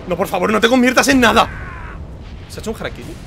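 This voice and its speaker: A young man commenting on his game playthrough, shouting at the screen and reading game text aloud. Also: sits high, animated, quick pace, vocal fry, a little hiss or hum. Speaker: gaming streamer. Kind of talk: let's play commentary.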